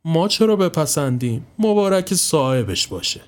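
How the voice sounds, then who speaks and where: A male narrator voicing a sharp-tongued, boastful middle-aged woman, slow and indignant, in a spoken horror story. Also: on the high side, very animated, voice pushed up. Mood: snide boasting. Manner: indignant, showy, slow stressed delivery.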